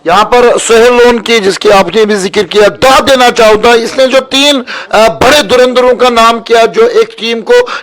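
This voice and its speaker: Chatty Kashmiri man calling a local cricket match, high voice, emphatic. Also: steady tone, moderate pace, hardly any pauses, a bit bright, low-quality recording. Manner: chatty, emphatic, pleading with the team. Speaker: cricket commentator. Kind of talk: live cricket commentary, reading viewer comments.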